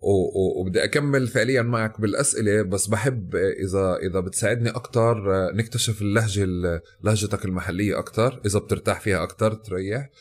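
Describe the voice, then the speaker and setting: A man with a low voice and a Palestinian Arabic accent hosts a podcast in casual dialect. He talks quickly and informally, as in a relaxed chat with a guest. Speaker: podcast host. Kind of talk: casual colloquial interview.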